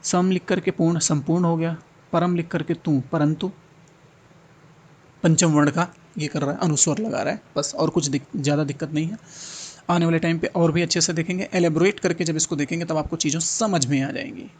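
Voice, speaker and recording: A man's voice: on the high side, steady tone, a little fast, darkish tone. A man teaching an exam-prep lesson, thinking aloud, repeating sounds and answer options and urging students to answer. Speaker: Hindi exam tutor.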